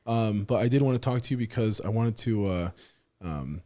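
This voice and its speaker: Laid-back low-voiced podcast host. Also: male voice, animated, normal speed, mellow. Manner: upbeat, loose, swears casually. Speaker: podcast host, real estate team lead. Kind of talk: casual interview chat. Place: podcast studio.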